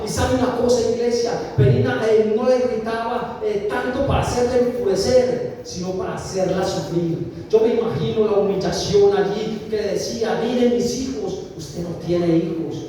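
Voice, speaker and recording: A man from Colombia preaching a sermon, with a very high voice and a mellow, dark tone. He speaks to the congregation directly, pausing on fillers and repeating phrases. The sound is roomy, with long reverb from a distant mic in a church hall. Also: a little hiss or hum.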